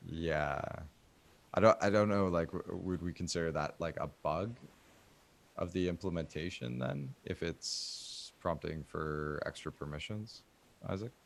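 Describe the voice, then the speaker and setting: A man with an extremely deep, gravelly voice, rambling through his points with many fillers and restarts. He is leading a casual online meeting call. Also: unhurried, a little hiss or hum. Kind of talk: casual technical meeting talk.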